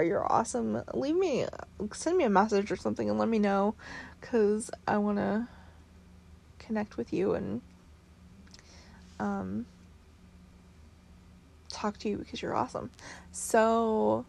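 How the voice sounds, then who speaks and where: A tired woman who vlogs and podcasts rambles casually, talking in circles with lots of fillers and restarts. Her mid-range voice has vocal fry and a slightly mellow quality, and the audio is poor.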